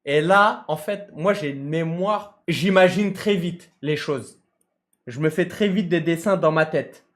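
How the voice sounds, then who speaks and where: A man telling a comic anecdote in casual slang, acting out people and shouting at times. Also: fairly high pitch, measured pace. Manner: animated, slangy, mimics and shouts mid-story. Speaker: storyteller recounting a tow job.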